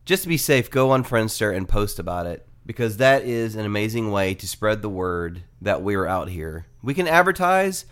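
A man with a nasal, fairly low voice talks through a casual plug for his podcast. He jokes and drifts into quick asides as he goes. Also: lively intonation, a bit bright. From Atlanta area. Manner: joking, conversational, asides. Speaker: podcast host. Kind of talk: casual promo read.

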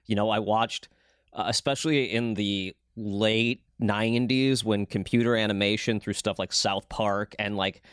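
A man's voice: lowish voice, fairly even intonation, measured pace, fairly bright tone, clear, resonant tone, no echo, clean studio sound. A man hosting a casual conversation, telling stories with enthusiasm. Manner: enthusiastic, storytelling.

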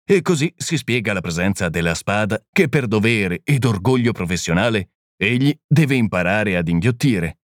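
A man reading the part of a small, gentle priest-detective who explains things calmly and patiently. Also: on the low side, normal speed, dry recording, studio quality, natural voice. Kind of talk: audiobook reading.

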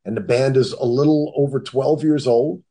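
A man's voice: mid-range voice, steady tone, normal speed, dark tone, breathy edge. A middle-aged man from the Cleveland and Detroit area, telling his own story in a casual, rambling way with many restarts.

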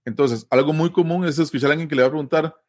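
A man from Costa Rica with a Costa Rican accent, explaining in a relaxed, patient way as an interview guest, often pausing with fillers and tag questions. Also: a little high. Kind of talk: casual conversational explanation.

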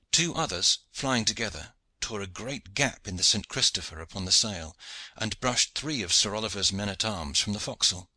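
A man narrating an audiobook in a steady, clear reading style. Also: on the low side, no echo. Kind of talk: scripted narration.

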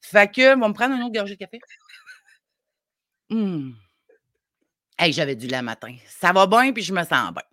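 A woman with a Quebec French accent, a parenting coach on morning radio, a bit hoarse, explaining her ideas in a reflective, step-by-step way. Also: medium pitch, sing-song, normal speed, pauses often, fairly bright tone, no room sound, clean studio sound. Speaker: parenting coach, regular guest. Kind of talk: casual radio chat.

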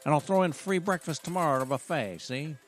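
A man's voice: on the high side, fast, close to an everyday voice. A man voicing a pushy gangster cat who ends every line with "see?". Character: smooth-talking male gangster cat, pushy tout.

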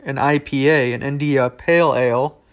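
A man's voice: medium pitch, steady tone, normal speed. A young man hosting a podcast in a casual, rambling, conversational way, full of asides. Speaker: podcast host. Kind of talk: casual solo podcast talk.

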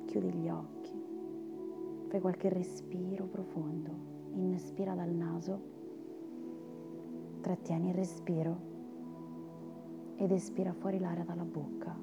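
A woman guiding a meditation in a soft, soothing, breathy voice that slips into a spa-like whisper. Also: on the low side, flat delivery, takes it slowly, long pauses, muffled recording. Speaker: meditation guide. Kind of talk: guided meditation. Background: meditation music with singing bowls.

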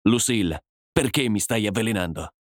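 A man's voice: fairly low pitch, expressive, moderate pace, no room sound, studio quality, lightly acted. A man voicing a stern, betrayed husband in his thirties, grave and accusing.

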